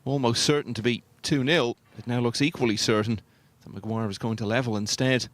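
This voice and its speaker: A man commentating on snooker in a hushed, measured, understated and analytical way. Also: medium pitch, fairly even intonation.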